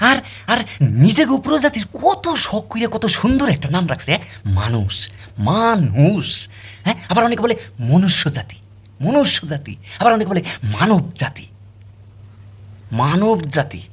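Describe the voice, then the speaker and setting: Heavily acted, this comic monologue has a man voicing an aggrieved, sarcastic male street dog who grumbles throughout. The husky voice has a lively pitch that swoops around, and every complaint comes out as a pointed rhetorical question.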